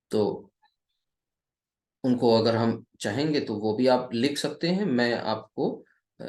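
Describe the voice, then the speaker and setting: A man's voice: medium pitch, a little mellow, echoey room. A man teaching an Arabic grammar lesson in a patient classroom manner. He asks the viewer questions and answers them himself. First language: Urdu or Hindi speaker teaching Arabic. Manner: deliberate, slow delivery with many repeated checks of "okay". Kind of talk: classroom-style lesson, explaining at a board.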